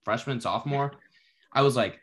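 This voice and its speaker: A young man hosting a podcast, telling stories in relaxed, casual talk with the odd swear. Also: medium pitch, moderate pace. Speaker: podcast host.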